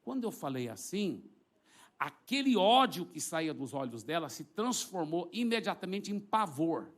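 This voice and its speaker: Pastor telling a dramatic testimony. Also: male voice, on the high side, very animated, moderate pace. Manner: dramatic storytelling, acting out the scene. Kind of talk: sermon testimony. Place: church before a congregation.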